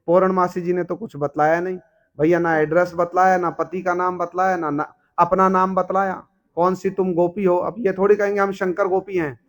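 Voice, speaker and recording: A man preaches in a devotional storytelling style. His voice sits high for a man. He keeps turning to his listeners with rhetorical questions and slips into the characters' voices as he tells the story. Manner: asks the audience rhetorical questions, acts out characters.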